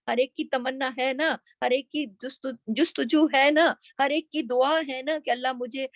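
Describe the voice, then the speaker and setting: Woman teaching a religious class, earnest, says things twice, kinda high voice, dry room. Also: no echo. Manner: earnest, repeats points for emphasis. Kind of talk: religious lecture to women.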